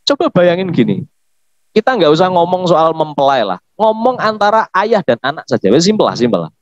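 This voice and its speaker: Animated high-voiced man preaching in chat. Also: brisk. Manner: animated, emphatic, laughs often. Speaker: pastor. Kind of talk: casual podcast chat. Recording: dull, lo-fi podcast audio.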